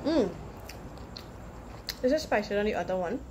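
A young woman chats through a mouthful of food, savoring each bite as she gives her verdict. Her pitch sits in an ordinary middle range. A steady layer of background noise runs under her voice. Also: moderate pace. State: talking while chewing. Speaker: food reviewer. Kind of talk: casual food review.

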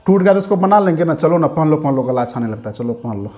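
A man's voice: fairly high pitch, lively intonation, fast talker, mellow. A man hosting a home vlog, coaxing and soothing his wife by repeating himself over and over. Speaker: vlog host. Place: home room.

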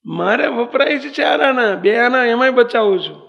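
Cheerful poor woodcutter, played by a male preacher, high and gravelly. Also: expressive, moderate pace, fairly bright tone, dull audio, heavily acted. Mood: contented. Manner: cheerful, contented and simple. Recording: long hall reverb.

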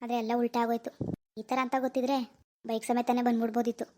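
A woman voicing an easygoing young village husband in a cartoon, talking fast and chatty. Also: a little high, flat delivery, dark tone, a little hiss or hum, lightly acted. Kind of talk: cartoon voice acting.

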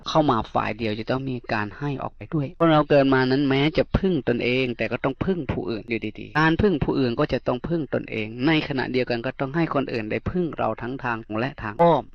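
A man's voice: mid-range voice, fast talker, vocal fry, few pauses, dry recording, muffled recording. A middle-aged Buddhist monk from Northeast Thailand with an Isan accent, giving a folksy dharma sermon and repeating key words as he tells stories. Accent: Isan Thai.

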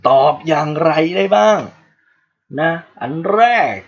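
A man's voice: fairly high pitch, takes it slowly, highs cut off. A man from Thailand giving a casual livestream English lesson, joking asides to his viewers. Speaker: English teacher.

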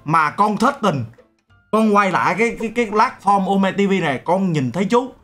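A man's voice: sits high, expressive, a little fast, pushed and bright, faint music behind. A man in his twenties from Vietnam, a streamer chatting casually and teasing with mock-serious storytelling. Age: 20s. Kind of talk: casual video-chat banter.

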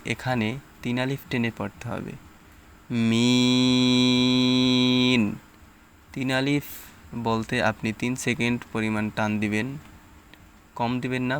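A man's voice: mid-range voice, fairly bright tone, a little hiss or hum. A man teaching Quran reading, explaining rules and then sounding out letters and syllables one at a time. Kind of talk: slow step-by-step recitation lesson.

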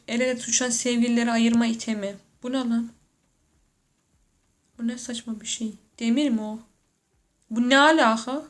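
A woman giving casual reaction commentary, joking, laughing often and exclaiming in slangy speech as she talks to herself. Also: on the high side. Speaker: YouTuber reacting to photos.

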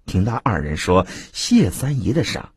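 Narrator, male, husky voice with wide swings in pitch, dry booth sound, acts out the characters. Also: big pitch swings, normal speed, dry recording. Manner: voices each character, rising high for women and bullies. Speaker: audiobook narrator. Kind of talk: audiobook reading of a classic novel.

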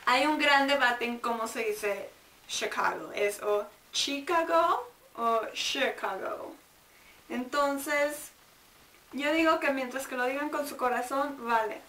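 High-voiced woman teaching, echoey room. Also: sharp tone, distant mic. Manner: drills words slowly, repeating and sounding them out. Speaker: English teacher. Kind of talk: bilingual grammar lesson.

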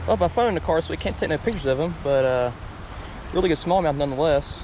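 The young guy behind this fishing vlog talks in a high, energetic voice while wading a river, full of folksy exclamations. His head-mounted action camera records him along with the loud sound of rushing water.

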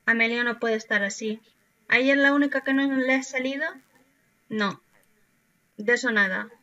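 A woman's voice: a little high, moderate pace, bright, forceful tone. A woman from Spain casually commenting on her life-simulation game and chatting to her characters. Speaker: gaming YouTuber. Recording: dull lo-fi sound.

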